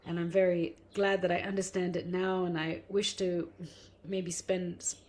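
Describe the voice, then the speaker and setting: A woman's voice: on the low side, level tone, moderate pace, darkish tone. A middle-aged woman who grew up in Indonesia, thinking aloud in an interview and stringing ideas together in long chains. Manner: thoughtful, lists terms in long chains. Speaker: interviewee, debt justice researcher. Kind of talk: reflective interview talk.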